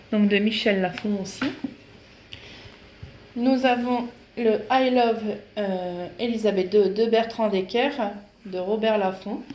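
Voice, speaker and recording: Chatting casually and a bit hesitantly, filling her speech with fillers, a woman vlogger presents her book collection. She has a medium-pitched, darkish voice. The recording sounds echoey, with faint background noise.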